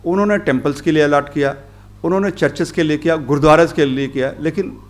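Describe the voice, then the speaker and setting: A middle-aged man giving a workshop talk as a journalist, rambling through his points with many pauses and English phrases mixed in. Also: fairly high pitch. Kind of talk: workshop lecture. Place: conference hall.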